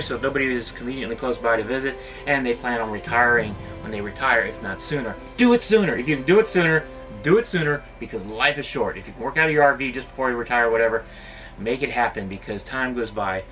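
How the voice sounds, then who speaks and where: A middle-aged man talks chattily to camera from inside a motorhome. His voice sits a little back from the mic, with clear music playing behind him. He sounds relaxed and cheerful and pauses often with "uh". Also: mid-range voice, distant mic. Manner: chatty and upbeat, with many fillers. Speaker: RV travel vlogger. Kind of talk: casual vlog talk to camera. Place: inside an RV decorated for Christmas. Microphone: camera at a distance.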